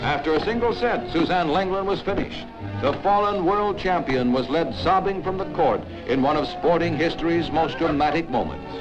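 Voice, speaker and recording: Old newsreel announcer, man, lively pitch. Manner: brisk, emphatic announcer delivery. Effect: old newsreel soundtrack. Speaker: newsreel narrator. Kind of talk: scripted newsreel narration. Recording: dull lo-fi film soundtrack with music.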